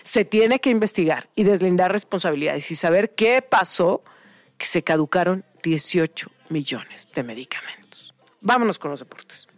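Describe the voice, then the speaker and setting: A woman's voice: lowish voice, animated, normal speed, no room sound. A woman anchoring a radio news show, giving opinionated commentary with pointed, indignant questions.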